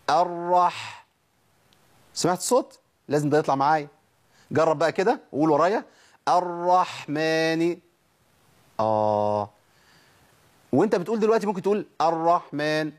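Teaching tajweed with an Egyptian Arabic accent, this man has a slightly high, animated and a little mellow voice and speaks at rapid-fire speed. He shows how each sound of Quran recitation is made, raising his own questions and answering them.

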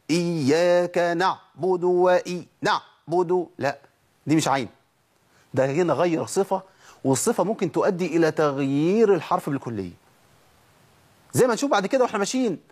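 A man with an Egyptian Arabic accent teaching Quran recitation, explaining letter sounds step by step and demonstrating them slowly. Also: a little high, a little mellow, slightly rough. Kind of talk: tajweed lesson.

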